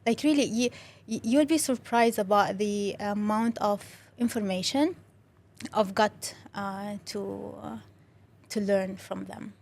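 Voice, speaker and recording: A young adult woman from Syria, a creative director being interviewed, speaks slowly in a medium-pitched, slightly mellow voice with vocal fry. Arabic is her native language and her accent is Syrian Arabic; she talks casually and warmly, often using fillers and restarting sentences.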